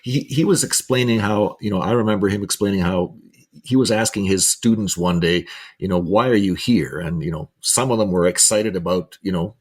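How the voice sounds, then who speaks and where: A man hosts a podcast and explains a point at length in a low voice. His tone is husky, and he often restarts and repeats words as he goes. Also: brisk. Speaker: podcast host.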